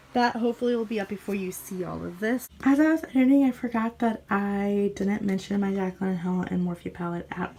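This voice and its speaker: A mid-range, creaky, somewhat mellow female voice belongs to a young Midwestern beauty vlogger from Missouri. Sitting in her bedroom, she talks casually about her makeup collection, her voice a touch scratchy from allergies. Her delivery is chatty and meandering, with small restarts.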